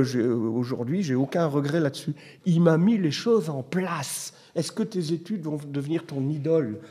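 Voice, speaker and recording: A man's voice: on the high side, mellow, slightly rough. A middle-aged man preaching a sermon in a conversational way, telling personal stories and rising to emphatic bursts. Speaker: pastor.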